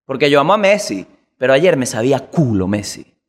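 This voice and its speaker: A man with a Venezuelan accent hosting a comedic news monologue, animated and slangy, swearing and jumping into quick impressions. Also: medium pitch. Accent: Venezuelan Spanish. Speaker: comedy show host.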